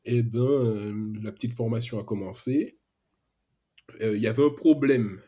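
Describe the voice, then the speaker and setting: A young freelance web developer from Martinique, speaking with an Antillean French accent, casually tells his story as a podcast guest. His medium-pitched voice is warm and unhurried, full of hesitations and slang.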